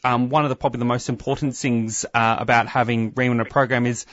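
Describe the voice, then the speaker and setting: A man's voice: medium pitch, flat delivery, fast talker, a bit bright, dry recording, highs cut off. A man hosting a community radio show, introducing a guest hesitantly with many fillers. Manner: hesitant, lots of um and kind of. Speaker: radio host.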